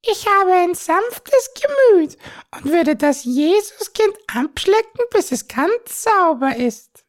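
A woman voicing a gentle house cat in a meowing singsong. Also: very high-pitched, very animated, slow, voice pushed up, full character voice. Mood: sweet.

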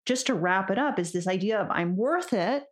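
A woman's voice: medium pitch, animated, normal speed. Woman co-hosting a chatty podcast. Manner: warm agreement, laughing asides. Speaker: podcast co-host. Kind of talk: casual chat. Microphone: studio mic on boom arm.

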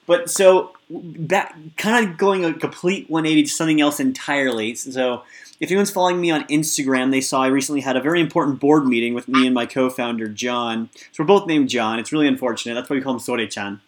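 A man's voice: mid-range voice, brisk. A man chatting in a laid-back, loose way, tossing in "man" and laughing easily. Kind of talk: casual chat.

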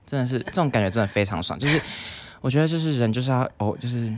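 A man's voice: mid-range voice, lively intonation, fast talker, noisy background. A young man with a Taiwanese Mandarin accent, telling a story in a casual, playful way and mimicking voices as a podcast co-host. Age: young adult.

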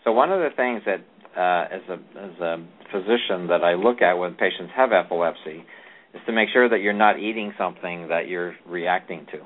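A man's voice: low-pitched, moderate pace. A man who is a physician, giving rambling advice to a caller on a call-in radio show, often restarting his sentences. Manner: rambling, with frequent restarts and fillers. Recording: tinny phone-like radio audio.

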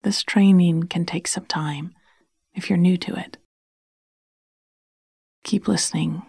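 A woman speaks in a hushed, airy half-whisper, unhurried and calming. Her voice is low and gravelly at the edges. The sound is close and dry, with no room around it. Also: no room sound. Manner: slow, soothing, gentle. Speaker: sleep podcast host and storyteller. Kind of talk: soft bedtime story narration.

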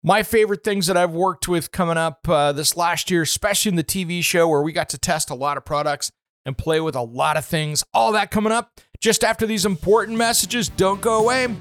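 A man's voice: sits high, fairly quick, dry recording, studio quality. A man hosting a home improvement radio show, talking casually about products with plenty of fillers. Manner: chatty, relaxed, many "uh" fillers. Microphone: studio microphone.

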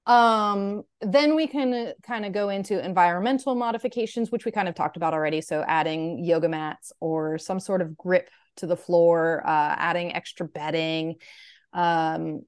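A woman's voice: fairly low pitch, moderate pace, clean tone. A woman who is a veterinary technician, explaining in casual educational podcast talk, chatty and full of "like" and "kind of". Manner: chatty, heavy use of "like" and "kind of".

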